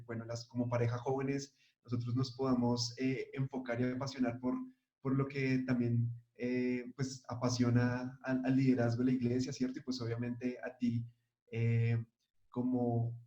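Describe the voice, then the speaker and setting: A man conducts an interview, asking questions haltingly with fillers. His voice is mellow and relaxed. The room is echoey and the sound is dull. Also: mid-range voice. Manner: halting, many fillers and restarts, friendly.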